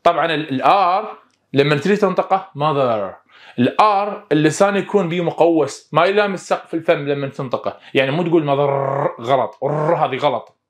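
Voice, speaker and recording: A male English teacher with an Iraqi Arabic accent gives a lively online lesson, coaxing students and repeating English words slowly for them to echo. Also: fairly high pitch.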